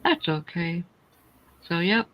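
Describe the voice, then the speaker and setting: A woman's voice: on the low side, very animated, takes it slowly, dull audio. A woman hosting a casual crochet livestream, chatting in a rambling way, speaking without her teeth in. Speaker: host of a crochet chat livestream.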